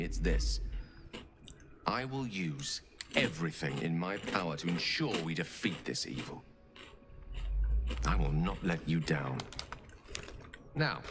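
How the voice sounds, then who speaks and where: Eloquent wizard Gale, dramatically varied. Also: male voice, low voice, background noise. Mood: earnest, resolute. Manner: eloquent, theatrical, formal phrasing. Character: eloquent, earnest male wizard, self-reproachful yet hopeful. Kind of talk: scripted video game dialogue.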